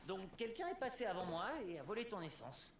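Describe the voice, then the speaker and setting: A wry young heroine. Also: female voice, medium pitch, very animated, fairly quick, echoey room, noisy background.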